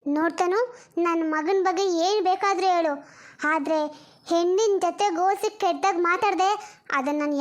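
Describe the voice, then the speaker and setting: A woman playing a stern older mother-in-law. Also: very high voice. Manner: firm, lecturing. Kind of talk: animated cartoon drama voicing.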